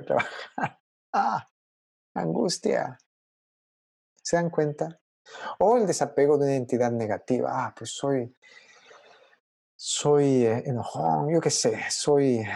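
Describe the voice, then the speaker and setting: A young adult man preaching a sermon in a conversational, expressive way, often checking in with his listeners. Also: mid-range voice, gravelly, husky, dry recording.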